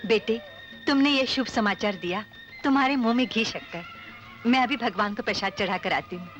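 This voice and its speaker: An actress plays a caring, devout older mother. She speaks gently and motherly in a slightly high voice. Faint film music runs behind her. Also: fairly quick, natural voice. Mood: warm.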